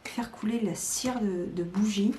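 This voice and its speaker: Talking to her viewers at a slightly slow pace in a medium-pitched voice, a woman shares her enthusiasm for her tarot and oracle card decks. It's a casual to-camera chat full of hesitations and fillers, recorded in an echoey room with some faint noise.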